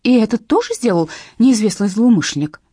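A woman voicing a flustered young wife who turns loud and exasperated, in an audiobook. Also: medium pitch, very animated, fast talker, no room sound, studio quality.

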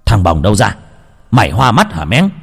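A man voicing a frightened, gruff peasant father who blurts out stammering questions. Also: mid-range voice, big pitch swings, moderate pace, soft background music. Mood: scolding.

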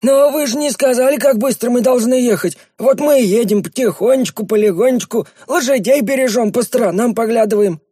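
Lenny, a high wheedling sly servant. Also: male voice, fairly quick, few pauses, dark tone, slightly rough, no echo, clean studio sound. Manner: wheedling, excuse-making, stammers when scared. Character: sly fawning red-haired male servant, wheedling.

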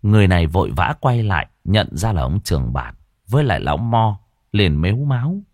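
A man narrating a horror story in a low, measured storytelling voice. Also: sing-song, darkish tone, dry recording, clean studio sound.

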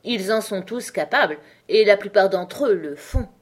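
Duchesse grognonne lue par une femme, voix enrouée, ton cassant, livre audio. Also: female voice, medium pitch, animated, normal speed, close to an everyday voice. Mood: curt. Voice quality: hoarse, grumbling. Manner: curt and snapping. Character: rude ill-tempered grown woman duchess, gruff. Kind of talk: storybook reading.

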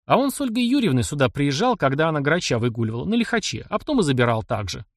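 Formal, servile butler, lively pitch, read by a man. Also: fast talker, dry recording, studio quality. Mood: deferential. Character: deferential male butler.

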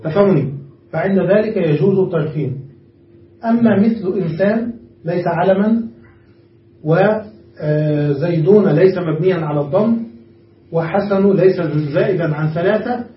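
This male grammar teacher has a high voice, a moderate pace and long pauses. He explains patiently and keeps checking whether students follow, in a far-off, echoey, muffled room recording.

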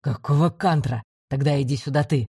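Woman growling as a gruff male commander. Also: extremely low pitch, a little fast, warm tone, no room sound, clean studio sound, voice pushed down, exaggerated voice. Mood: barking orders. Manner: curt, commanding, growled orders. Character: gruff male commander pilot barking orders.

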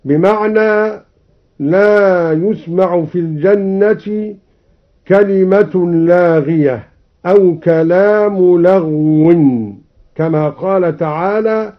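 A man introducing a Quran recitation on the radio, who explains the reading variants in a measured way and then chants each verse example. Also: high voice. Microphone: studio broadcast microphone. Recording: slightly dull archival radio recording.

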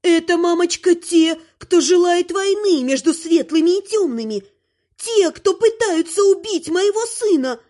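A woman playing a scattered grown daughter, exclaiming and pleading with her mother. Her voice rises a touch above the narrator's high register. It is read as part of a fantasy audiobook. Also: normal speed, hardly any pauses, dark tone. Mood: emotional. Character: grown daughter, emotional, scattered dark ruler.

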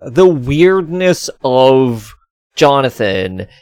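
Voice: medium pitch, big pitch swings, drawn-out words, darkish tone, no echo. Rambling, chatty podcast co-host, dry sound. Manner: rambling, heavy on "like," laughs often. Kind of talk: casual chat reviewing a TV episode.

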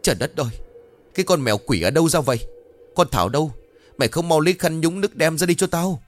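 A man's voice: fairly high pitch, lively intonation, quick pace, pitched above the performer's own voice, lightly acted. A man voicing a cruel, foul-mouthed pregnant stepmother who scolds shrilly and snarls threats. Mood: furious.

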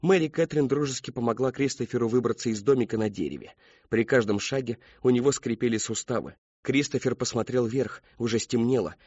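Husky male audiobook narrator. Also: medium pitch, dry recording. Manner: steady dramatic storytelling. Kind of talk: scripted narration. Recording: dull lo-fi dry recording.

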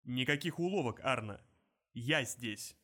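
A male narrator voicing the disembodied voice of an invisible, aging bodyguard, speaking slowly and low with cold menace. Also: animated, a bit bright. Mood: taunting. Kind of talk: audiobook character voice.

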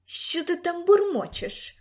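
A woman's voice: sits high, sing-song, moderate pace, a little mellow, pitched above the performer's own voice. A woman voicing an imperious elderly grandmother who speaks in a cold, commanding tone.

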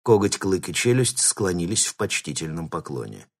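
A man reading an audiobook in steady scripted narration. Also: low voice, normal speed, gravelly.

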